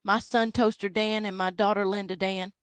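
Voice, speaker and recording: A woman voicing a loud, proud Southern Baptist mother in her forties with a Southern US accent, talking in an earnest, rambling, repetitive way. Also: medium pitch, flat delivery, moderate pace, clean tone, no room sound, lightly acted.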